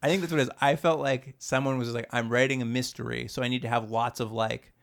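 A man hosting a relaxed podcast, talking through a film's characters at an everyday pitch. He laughs easily as he goes and slips into quick mock lines for the people on screen. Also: creaky. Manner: laughs often, mimics characters in quotes. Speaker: podcast host. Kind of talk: casual chat about a movie.

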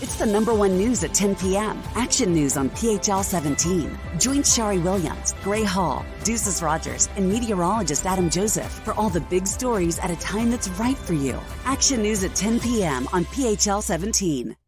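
A woman reading a scripted promo for a news broadcast in a crisp, announcing manner. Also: medium pitch, animated, moderate pace, hardly any pauses. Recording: promo voice over music.

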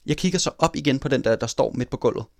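A man in casual chat telling a personal story in an animated way, swearing casually. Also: mid-range voice, gravelly, no echo, studio quality.

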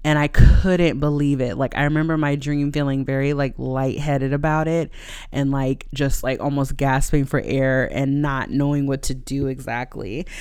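Casual podcast host, conversational delivery, middle-pitched, exceptionally smooth and clear tone. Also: fairly even intonation, moderate pace, darkish tone, dry recording, studio quality. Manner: conversational, laughs easily while talking. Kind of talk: casual chatty solo podcast.

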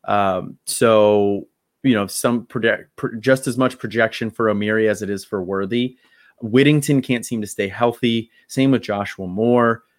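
A man with a lowish voice co-hosts a casual sports chat and talks in a halting way, full of fillers. The sound is dry and close to the mic. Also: fairly even intonation, no room sound. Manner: hesitant, leans heavily on "you know" and "um". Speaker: podcast co-host.

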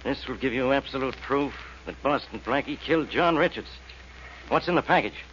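A man's voice: mid-range voice, moderate pace, a bit bright, close to an everyday voice. An actor playing a skeptical, sarcastic male police inspector in a 1940s American radio detective drama, grumbling as he talks. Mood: businesslike. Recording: muffled, noisy old radio recording.

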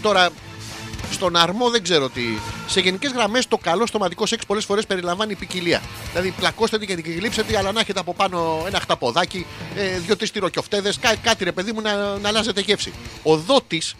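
A male radio host, rambling through a crude comic monologue and reading out listener comments in a vulgar, mock-storytelling way, with sudden jumps in his voice. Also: high voice. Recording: music playing behind the voice. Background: guitar music.

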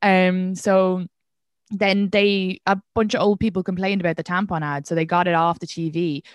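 Irish woman, low voice, dry sound. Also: moderate pace, clean tone, no echo. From Ireland. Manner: chatty, animated storytelling with laughs. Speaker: stand-up comedian, podcast guest. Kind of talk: casual conversational chat.

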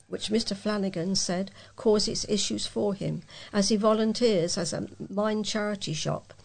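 A woman reading local news stories aloud in a plain, even delivery as a volunteer reader. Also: mid-range voice, gravelly, breathy edge.

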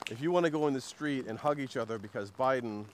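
A man riffs sarcastically through a relaxed podcast conversation, full of ums and likes. He sits at an ordinary middle pitch. A faint hiss of background noise runs under his voice. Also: quick pace. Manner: sarcastic, joking, many fillers. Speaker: podcast host. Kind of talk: casual chat.

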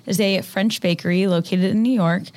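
A woman's voice: mid-range voice, steady tone, a little fast, darkish tone. A woman co-hosting a podcast, chatting in an enthusiastic, gushing way. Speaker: podcast co-host. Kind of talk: casual podcast chat.

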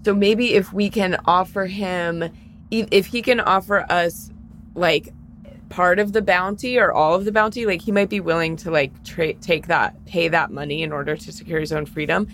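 A woman's voice: lowish voice, fairly even intonation, normal speed, fairly bright tone, a little hiss or hum. A woman playing a tabletop game, thinking out plans aloud. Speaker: player. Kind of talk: casual tabletop play.

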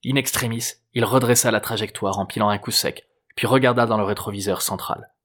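A man narrating a novel chapter in a measured, even storytelling manner. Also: on the low side. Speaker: audiobook narrator. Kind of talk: scripted narration.

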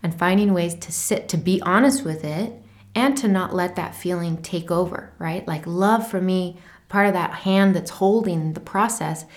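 Tender, lower-pitched woman podcaster. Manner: tender, earnest, thoughtful with pauses. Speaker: podcast host. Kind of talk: reflective casual solo talk, with a short letter read aloud. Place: small unfinished home creative studio.

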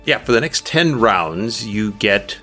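A man narrating a tabletop game as game master, laughing easily between patient rule explanations. His voice is bright and forceful, and his pitch moves in a lively way. Faint music plays behind him. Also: slow.

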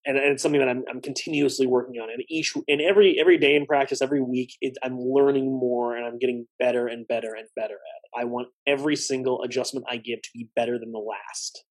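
A husky-voiced man speaks as a guest on a podcast. He talks earnestly and reflectively, often starting sentences over as he works through his thoughts. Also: mid-range voice, steady tone, fast, hardly any pauses, poor audio. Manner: earnest, reflective, many restarts. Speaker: chiropractor guest. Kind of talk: podcast conversation.

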